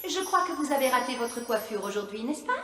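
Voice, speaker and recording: Woman as cartoon magic mirror, fairly high, echoey, courteous, matter-of-fact, frank. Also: animated, fast talker, natural voice. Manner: polite, matter-of-fact bluntness. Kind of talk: cartoon voice acting. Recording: long echoing reverb, music behind.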